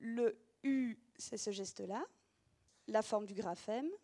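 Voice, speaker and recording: A woman's voice: mid-range voice, slow, warm tone. A woman teacher giving an explanatory demonstration of reading gestures, talking patiently with frequent hesitations.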